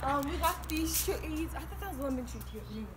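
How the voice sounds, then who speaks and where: A woman's voice: high-pitched, lively intonation, normal speed. Young woman vlogger, playful and mock-boastful, filmed on a phone in an echoey house with some noise behind her. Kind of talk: joking house tour. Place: large house and backyard. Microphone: handheld phone camera. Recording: roomy phone audio with background noise.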